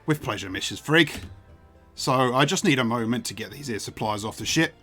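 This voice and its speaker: A streamer voicing Yeppe, a gruff working ferryman who talks in a folksy way, says "ain't" and drops words, in a narrative video game. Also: medium pitch, animated, fairly quick, fairly bright tone, soft background music. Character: gruff working man, a ferryman hauling cargo.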